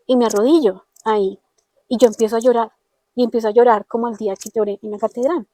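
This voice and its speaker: A woman with a Colombian accent gives an earnest personal testimony as an interviewee, often acting out the dialogue she quotes. Her voice is fairly high and dark-toned, with fairly even intonation and a fast pace. The recording is dry.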